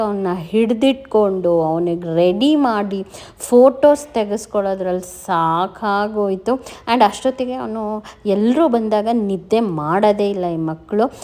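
A woman's voice: mid-range voice, darkish tone. A woman narrating a family vlog in a chatty voice-over, mixing English words into her telling. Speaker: vlogger and mother.

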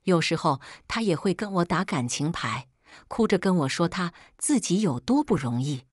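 A woman with a lowish voice tells a first-person story in a calm, even, scripted way. The sound is dry and close, with no room around it. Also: moderate pace, dry recording.

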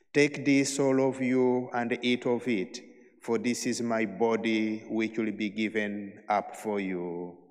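A man, a priest, intoning the prayers of Mass in a solemn, measured way, with a cathedral echo around his voice. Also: mid-range voice. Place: large church. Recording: long church reverb.

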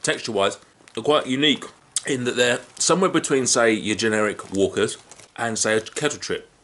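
A British man in his thirties gives an unscripted, casual tasting review to camera in his small living room, talking between crunchy bites of chips. His voice is medium-pitched, brisk and a bit bright. The camera sits a short distance in front, with clear background noise and crinkling packets.

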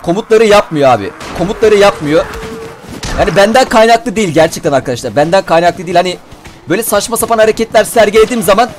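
A young man commenting on his gameplay, animated and swearing, talking straight to the enemies. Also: high voice, quick pace, faint music behind. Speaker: gameplay streamer.

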